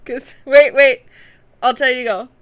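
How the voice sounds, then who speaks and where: A woman's voice: high-pitched, steady tone, moderate pace, a bit bright, clean tone. A woman hosting a live stream, upbeat and chatty, opening the show. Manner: upbeat, laughs often. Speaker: host and esports coach. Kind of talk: casual livestream chat. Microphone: live stream microphone.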